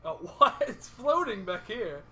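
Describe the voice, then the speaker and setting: A man in a casual gaming chat, reacting loudly and laughing at the action. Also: high-pitched, big pitch swings, a little slow.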